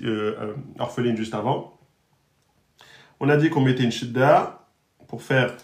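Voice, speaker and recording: A man teaching an online lesson on Arabic letters, patiently repeating and drilling each pronunciation. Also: mid-range voice. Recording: roomy echo.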